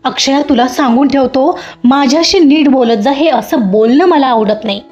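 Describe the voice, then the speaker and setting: A woman's voice: high-pitched, moderate pace, a little mellow, lightly acted. A woman voicing a jealous, dismissive young male assistant who speaks in a curt, defensive way. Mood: sulky. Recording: dull lo-fi audio with faint music.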